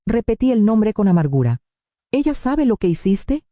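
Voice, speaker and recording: A woman narrating a dramatic story in the first person, steady and emphatic. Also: mid-range voice, moderate pace, no echo, studio quality.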